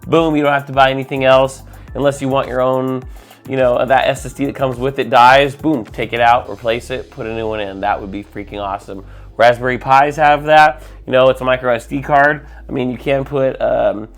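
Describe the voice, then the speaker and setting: A man's voice: medium pitch, fairly even intonation, brisk, faint music behind. A man hosting a casual tech vlog, sick and slightly muffled, talking in a rambling, informal, enthusiastic way. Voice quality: muffled, congested. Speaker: tech video host.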